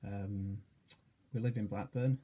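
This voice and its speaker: A man's voice: fairly low pitch, fairly even intonation, takes it slowly, mellow. A man in his late forties from Yorkshire, introducing himself in a video as a charity trustee, hesitant and modest with many fillers. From Yorkshire, England. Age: 40s.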